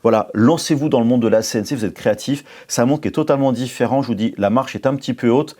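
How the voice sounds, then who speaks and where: A man's voice: medium pitch, fast, darkish tone. Hesitant French-speaking man reviewing a machine. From France. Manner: hesitant, many fillers and restarts. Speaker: maker channel host reviewing a CNC machine. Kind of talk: casual product review talk.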